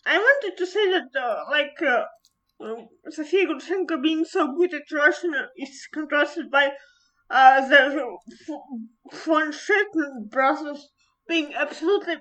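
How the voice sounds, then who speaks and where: A woman's voice: sits high, lively intonation, measured pace, fairly bright tone, rough recording. A woman co-hosting a podcast, talking casually and hesitantly with many fillers and giggles. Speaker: podcast co-host. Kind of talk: casual chat.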